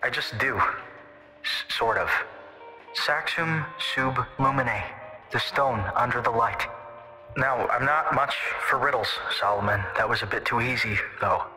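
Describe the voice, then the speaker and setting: A man with a pushed, bright mid-range voice performs a fan audio drama role: a short-tempered, terse young man phoning in to share a local ghost tale. Curt and gruff to begin with, he shifts to unhurried storytelling, the echoey recording carrying music beneath him.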